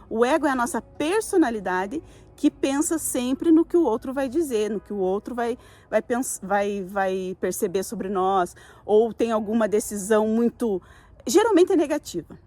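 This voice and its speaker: A middle-aged Brazilian woman with a fairly high voice gives a casual spiritual talk to camera. She chats with frequent fillers and tag questions, and she acts out her own quoted thoughts with lively shifts in her voice. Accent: Brazilian Portuguese. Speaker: spiritual YouTuber.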